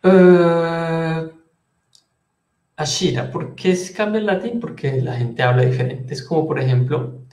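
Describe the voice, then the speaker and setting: A man's voice: fairly high pitch, measured pace, a little mellow, echoey room. A man teaching French in an online class, explaining patiently and switching between Spanish and French.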